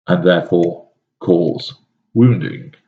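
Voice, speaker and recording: A man reading a scripted first-person narration in a cold, calculating, measured manner. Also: low-pitched. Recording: dull lo-fi recording.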